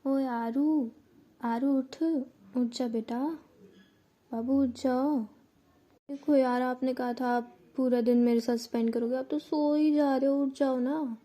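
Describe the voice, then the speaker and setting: A woman voicing an affectionate young mother coaxing her son awake, gentle and teasing. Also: high-pitched, fairly even intonation, slow pace.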